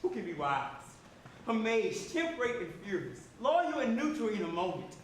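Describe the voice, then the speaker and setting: A man's voice: sits high, big pitch swings, moderate pace. A man playing a grave Shakespearean lord who feigns grief, with hammy, declamatory delivery. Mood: impassioned self-defence. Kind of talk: Shakespearean stage acting. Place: indoor stage performance. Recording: very echoey hall, distant microphone, faint noise.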